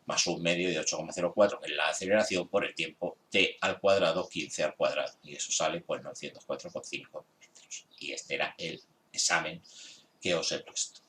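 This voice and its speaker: A man's voice: low voice, bright, forceful tone. A man who is a physics teacher, methodically working through an exam solution step by step for his students. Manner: exasperated with students' grades.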